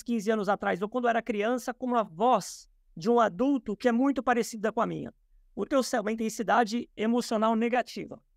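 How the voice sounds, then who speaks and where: Male guest from Brazil, gravelly and dry, thoughtful explainer on a video call. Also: extremely high pitch, no echo. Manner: thoughtful, many fillers and restarts. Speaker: podcast guest. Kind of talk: explanatory interview talk. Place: his office.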